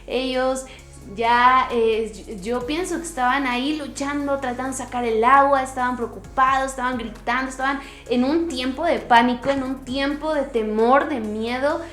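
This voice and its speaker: A woman hosting a devotional podcast, teaching and retelling a Bible story in an earnest, emphatic way with pauses and restarts. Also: high-pitched, a bit bright. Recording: roomy echo with faint music.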